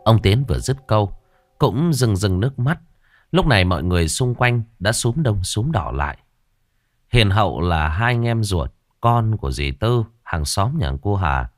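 A man narrating an audio story in an expressive manner. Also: fairly low pitch, moderate pace, no room sound, studio quality.

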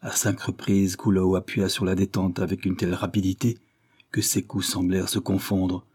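A man reading a novel aloud as an audiobook narrator, with steady, measured narration. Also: deep voice, slightly rough. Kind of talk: scripted narration.

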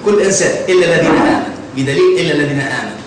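A man's voice: a little high, racing, crowd noise. A man with a Tunisian Arabic accent teaching a grammar lesson to a class, often stopping to ask whether they follow. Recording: echoey classroom, mic far off.

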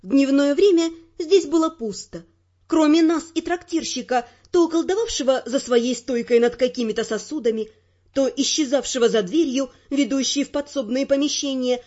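High mellow woman narrating audiobook. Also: highs cut off. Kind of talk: first-person audiobook narration.

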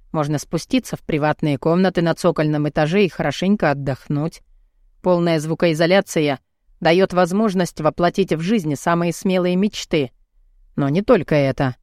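A man's voice: on the high side, a little mellow, no echo, clean studio sound, natural voice. A woman reading the part of a smug wealthy man showing off his elite club, in an audiobook.

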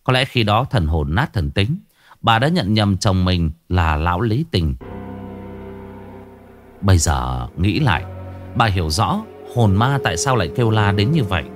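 A man narrating a ghost story as a storyteller, telling it in a dramatic, expressive way. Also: on the low side, measured pace, soft background music.

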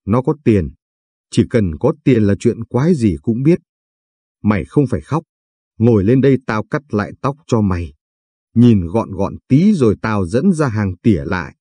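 A man reads out a tough young woman with a filthy mouth, bossy and threatening as she barks at people. The voice sits low and husky, with a dark, mellow tone. The recording is dry and close. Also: big pitch swings, normal speed, no echo. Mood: scolding. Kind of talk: audiobook reading.

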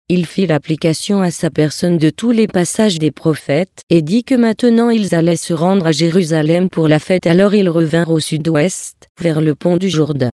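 A reader giving a steady, even scripted narration of a religious text for an audiobook. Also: mid-range voice, no room sound, studio quality.

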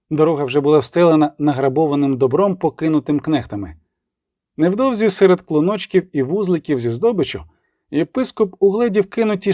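A man narrating an audiobook in a steady dramatic reading. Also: fairly high pitch, dry recording, clean studio sound. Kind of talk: scripted narration.

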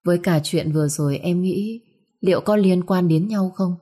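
A woman voicing a gentle young wife who speaks softly, calmly and humbly. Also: on the low side, moderate pace, lightly acted. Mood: humble. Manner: soft, humble, calm.

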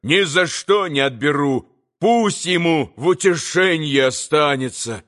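A man reading aloud plays a hot-headed young man who speaks loudly and impulsively. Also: on the high side, expressive, unhurried. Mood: defiant. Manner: loud and impulsive, out of breath.

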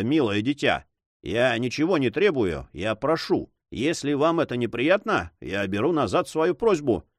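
A man voicing a courteous, fatherly older governor who persuades in a gentle way. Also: medium pitch, dry recording, clean studio sound, close to an everyday voice.

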